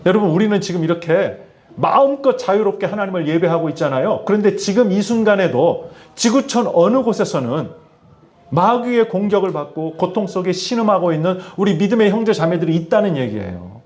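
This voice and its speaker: His voice sits high and moves fairly quickly as this middle-aged man preaches to his congregation at a church in Tianjin, China. He asks them questions often and delivers his sermon with lively emphasis.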